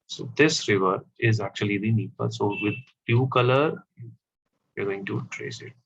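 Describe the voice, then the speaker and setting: A man teaching a class, explaining step by step and often pausing with fillers. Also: lowish voice, creaky, a bit bright, husky. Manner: slow, stop-start explaining with fillers. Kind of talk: classroom map lesson. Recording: dull, slightly lo-fi audio.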